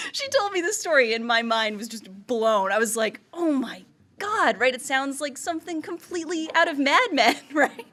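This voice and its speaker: A woman's voice: high-pitched, sing-song, moderate pace, bright, forceful tone. Chatty woman giving a presentation. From United States (Vermont). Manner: chatty, lots of "like" and "right?", laughs often. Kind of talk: presentation talk.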